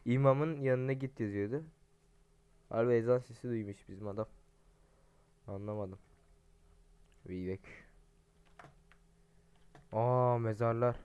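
A young adult man giving casual, profane, excitable commentary while playing a game and talking to his viewers. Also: mid-range voice, slow, pauses often, clean tone. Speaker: gaming streamer. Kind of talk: casual let's-play commentary.

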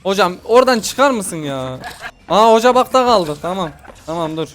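A young man commentating a horror game let's play, panicky and exasperated, pleading and yelling at the monster chasing him. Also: high voice, animated, normal speed, slight background noise. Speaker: gaming YouTuber.

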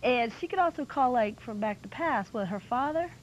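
A woman's voice: on the high side, lively intonation, moderate pace. A woman co-hosting a casual chat, opinionated and teasing. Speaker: co-host. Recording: dull lo-fi 1990s cable recording with faint hiss.

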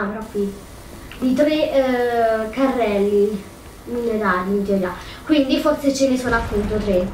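A woman's voice: fairly high pitch, darkish tone. Woman rambling through a game, unsure and self-correcting, mic a bit far, faint hiss. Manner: thinking aloud, hesitant, self-correcting. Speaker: gameplay commentator. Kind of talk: casual let's play commentary. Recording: roomy, distant mic, faint noise.

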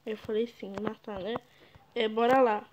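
A woman's voice: a little high, fairly even intonation, unhurried, dull audio, noisy background. A young woman, chatting casually and teasing others while she plays a game on stream. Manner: chatty, teasing, exclaims often. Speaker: gaming YouTuber. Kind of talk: casual gameplay commentary.

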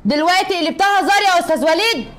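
A woman's voice: very high-pitched, rapid-fire, a bit bright. A woman playing a demanding Egyptian sister. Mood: insistent. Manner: insistent, demanding. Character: young adult sister demanding her bet winnings. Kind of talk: comedy sketch acting.

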